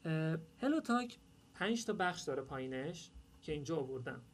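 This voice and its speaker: A man's voice: fairly high pitch, sing-song, a little hiss or hum. A man presenting an online workshop, explaining an app in a casual, chatty way with many hesitations. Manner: informal, chatty, many "uh" fillers. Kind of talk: casual screen-share tutorial.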